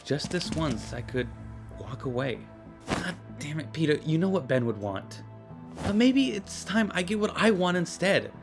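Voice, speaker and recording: A man voicing a wry, earnest teenage boy superhero in an animated series. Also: on the high side, unhurried, soft background music. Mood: conflicted. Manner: wry, youthful.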